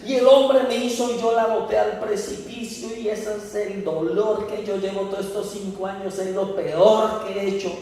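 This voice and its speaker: A man's voice: high-pitched, fairly even intonation, normal speed, few pauses, dark tone. A preacher voicing a guilt-stricken young man. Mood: confessing. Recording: echoey hall, distant mic.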